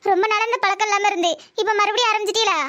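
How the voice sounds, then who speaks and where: A woman voicing a scolding, anguished middle-aged wife and mother in a comedy cartoon, with a Tirunelveli Tamil accent and a shrill, wailing manner. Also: fairly even intonation, rapid-fire, sharp tone, dull audio.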